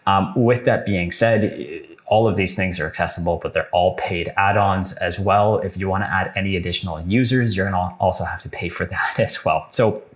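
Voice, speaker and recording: A man hosting a software tutorial, explaining in a chatty, upbeat way with casual asides and the odd dad joke. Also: sits low.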